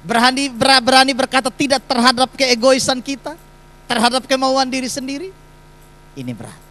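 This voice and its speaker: A man's voice: very high-pitched, animated, moderate pace, pushed and bright, poor audio. A man, preaching a sermon in a church and putting emphatic rhetorical questions to the congregation. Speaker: pastor.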